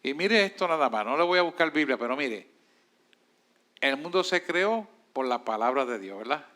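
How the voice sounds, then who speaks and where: A man with a Puerto Rican accent leads a church Bible class. His voice is bright and sits a bit high, and he teaches in an emphatic, preacherly way. He stresses key words and turns to his students to answer their questions. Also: lively intonation, moderate pace. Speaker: pastor teaching a discipleship class.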